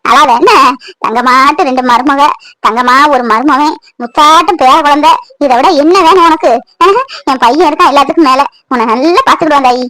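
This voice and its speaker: Woman doing a gentle older cartoon mother-in-law, high-pitched, dry and close. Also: a little fast, no room sound. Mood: consoling. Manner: soothing, consoling, blessing. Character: elderly mother-in-law, tender and blessing. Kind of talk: Tamil cartoon voice acting.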